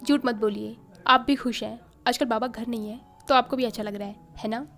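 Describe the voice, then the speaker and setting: A woman's voice: fairly high pitch, fairly even intonation, brisk, vocal fry, fairly bright tone. A woman voicing a spoiled, playful young girl who teases her brothers, in a read-aloud story. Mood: playful, cheeky. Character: cheeky spoiled young girl, little sister.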